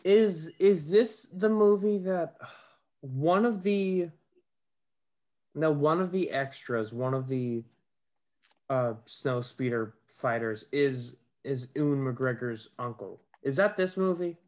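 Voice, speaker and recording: A podcast co-host in casual movie talk, with a middle-pitched voice. The delivery is playful and teasing, full of quick jokes. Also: a little mellow. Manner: joking, teasing.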